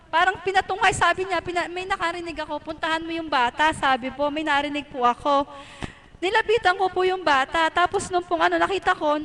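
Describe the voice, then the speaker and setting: Middle-aged woman, high voice, earnest church testimony with quoted prayers. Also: a bit bright. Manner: earnest, polite, prays aloud in quoted prayers. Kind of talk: personal religious testimony. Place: church gathering.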